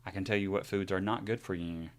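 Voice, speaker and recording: A fast-talking man in his forties, with a low voice and fairly even intonation, co-hosts a podcast. He chats openly and rambles about what he's been through, with many fillers and restarts along the way.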